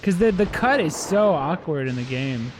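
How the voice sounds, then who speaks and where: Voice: mid-range voice, lively intonation, normal speed, a crowd in the background. A streamer chatting casually while playing a game, swearing freely and reacting with laughter. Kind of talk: casual gameplay chat.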